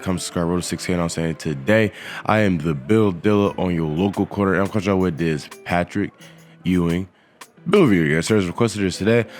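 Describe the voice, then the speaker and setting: A young man with a deep, groggy morning voice runs through a basketball game build in a laid-back, slangy way. Faint music plays under him. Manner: laid-back, slangy, repeats "you know". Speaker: gaming YouTuber. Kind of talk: casual game build walkthrough.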